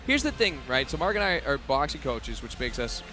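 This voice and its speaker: A man's voice: mid-range voice, big pitch swings, fairly quick, sharp tone, soft background music. A man commentating on boxing in a chatty, wisecracking, slangy way. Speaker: fight commentator. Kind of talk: casual joking sports commentary.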